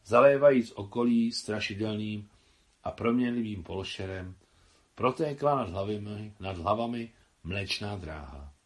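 A man reading his own translation of a novel aloud in a measured, unhurried audiobook narration. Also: on the low side, animated.

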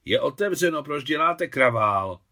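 A man voicing a brisk, commanding woman, a general's wife, who speaks in a loud, commanding tone. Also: medium pitch, lively intonation.

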